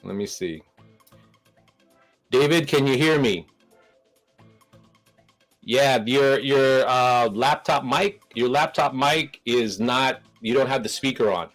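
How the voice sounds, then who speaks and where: A man's voice: medium pitch, slow pace, long pauses, a bit bright, soft background music, poor audio. A man hosting a live stream, talking casually with many restarts and a nervous laugh.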